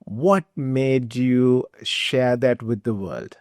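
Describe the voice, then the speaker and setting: Male podcast host, mid pitch: casual interviewer, stammering restarts, laughs through lines, dry sound. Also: drawn-out words, a little mellow, no room sound. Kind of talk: interview questions, casual chat.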